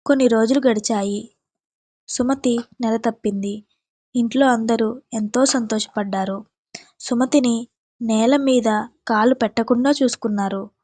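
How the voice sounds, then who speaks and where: A woman's voice: fairly high pitch, unhurried, pauses often, warm tone, no echo. A woman narrating an emotional family story in a plain, sympathetic way.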